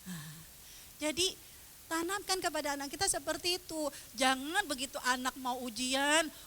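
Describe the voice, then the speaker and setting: Middle-aged female preacher, lively storyteller, high and bright, faint hiss behind. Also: normal speed. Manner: animated storytelling, acts out quotes, Arabic prayer phrases. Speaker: religious teacher. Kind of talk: sermon to a women's study group.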